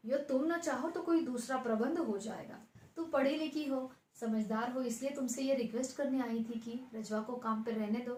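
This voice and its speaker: A woman teacher reading the part of a gentle elderly mother-in-law who coaxes politely, in a high voice with a roomy echo. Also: moderate pace, a little hiss or hum, close to an everyday voice. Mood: coaxing.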